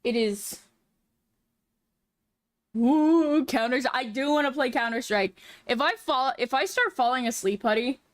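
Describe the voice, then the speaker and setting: A woman hosting a casual livestream, chatting in a cute, animated anime-streamer way with drawn-out words. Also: high voice, no room sound, studio quality. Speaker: VTuber livestream host. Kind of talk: casual livestream chat while drawing.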